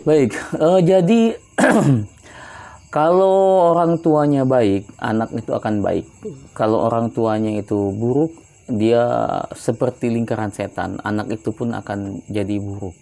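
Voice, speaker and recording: A man from Palembang giving religious advice in a relaxed conversational way, often tagging his points with questions. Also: medium pitch, a little slow, creaky. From Palembang, South Sumatra. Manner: relaxed and chatty, often adds "ya kan" tag questions. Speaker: Islamic religious teacher.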